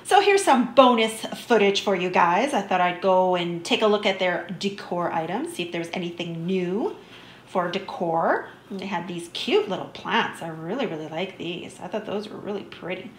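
A woman's voice: medium pitch, slight background noise. Chatty woman in an echoey room. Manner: chatty, easygoing, enthusiastic about small finds. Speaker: vlogger. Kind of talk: shop-with-me voice-over narration.

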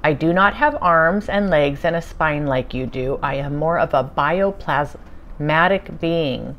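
A woman voicing a tiny inch-tall alien being, calm and dryly humorous, explaining itself in a measured, slow way. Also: low-pitched, dull audio, a little hiss or hum.

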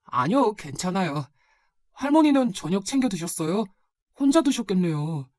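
A woman's voice: medium pitch, big pitch swings, normal speed, darkish tone, no room sound, clean studio sound, lightly acted. A woman voicing a nineteen-year-old son in a told story, with a reproachful, pointed manner. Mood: quiet, polite. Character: nineteen-year-old son, resentful but gentle with grandmother. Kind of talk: storybook narration.

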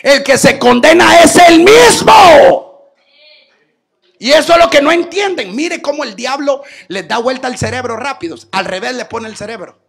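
A male preacher giving a sermon, dropping to low asides and then bursting into shouts, often calling out to his brothers and sisters. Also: animated, moderate pace, gravelly. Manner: addresses listeners as brothers and sisters.

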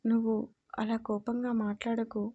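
Woman playing a timid young wife, pleading, fairly high and level, muffled lo-fi sound. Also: little pitch movement, moderate pace, warm tone, slightly rough. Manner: pleading, earnest.

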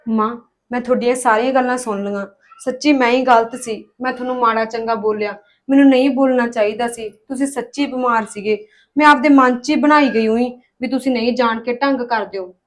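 A woman's voice: a little high, brisk, natural voice, poor audio. A woman playing an apologetic young daughter-in-law. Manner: apologetic, earnest. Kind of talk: village family short-film acting.

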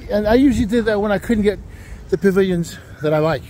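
A man's voice: high-pitched, fast talker, dark tone. A middle-aged man, casually narrating a walking tour outdoors at a waterfront park and chatting with people he passes. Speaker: vlogger giving a walking tour. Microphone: handheld camera while walking. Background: faint wind and outdoor ambience.

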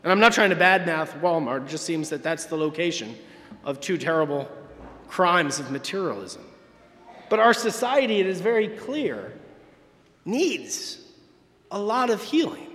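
A man in his thirties, a parish priest, preaching a Sunday homily from the pulpit with emphatic pauses. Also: on the high side, big pitch swings, fairly bright tone. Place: large church, from the pulpit. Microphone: far camera, church sound system. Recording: long church reverb.

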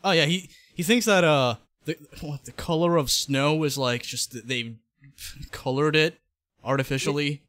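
A man's voice: a little high, moderate pace, a bit bright, dry recording. A man co-hosting a podcast in casual chat, rambling with dry sarcasm.

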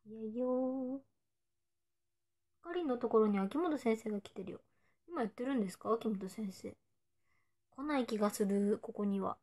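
This idol in her twenties speaks at normal speed with long pauses, her voice on the high side and a little mellow. On her livestream she chats casually, reads fan comments playfully, and sometimes drops to a whisper.

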